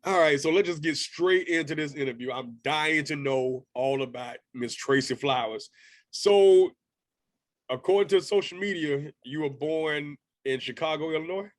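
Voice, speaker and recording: A man's voice: fairly high pitch, moderate pace, dry recording, clean studio sound. A man in his thirties hosting a casual interview over a video call, upbeat and chatty with a slangy manner. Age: 30s. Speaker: interview host.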